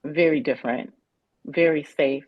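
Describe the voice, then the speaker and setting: A woman's voice: deep voice, no room sound. Hesitant woman testifying over a video call. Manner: halting, searching for words, restarting. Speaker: parent testifying in a custody hearing. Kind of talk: court testimony. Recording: dull, dry video-call audio.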